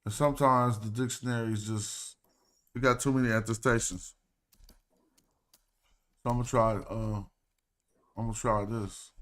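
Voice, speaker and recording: A man's voice: on the low side, fairly even intonation, unhurried, pauses often, fairly bright tone. A man hosting a casual livestream, talking loosely and thinking aloud as he walks through ancient Egyptian words. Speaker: host. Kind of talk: casual livestream walkthrough of hieroglyph texts.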